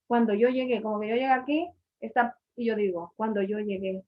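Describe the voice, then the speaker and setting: A woman's voice: a little high, steady tone, fairly quick. A woman teaching an English grammar class, patiently explaining and repeating each point in a classroom. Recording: muffled lo-fi recording.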